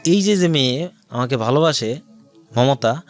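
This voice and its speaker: Soft music plays in the background as a man with a Bangladeshi accent, speaking a little slowly in an animated, mid-range voice, tells his own life story as an interview guest. He goes into detail and quotes dialogue along the way.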